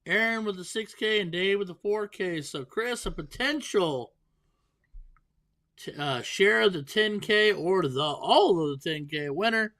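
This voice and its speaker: A man's voice: high voice, expressive, measured pace, a bit bright. A man giving casual live darts commentary.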